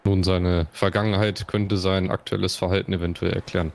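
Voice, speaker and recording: A man's voice: low-pitched, flat delivery, brisk, gravelly, a little mellow. A man speaking formally and politely in character during a game roleplay. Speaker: roleplay player.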